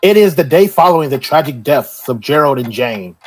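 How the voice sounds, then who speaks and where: Grim reaper-like sinister horror storyteller. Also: male voice, a little high, animated, fairly quick. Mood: ominous. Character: Doctor Weird, sinister male horror storyteller. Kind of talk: old radio horror narration.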